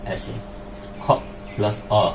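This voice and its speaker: A male teacher giving a grammar lesson, spelling out sounds one at a time in a slow, deliberate way. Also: background noise. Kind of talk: grammar lesson explaining on a board.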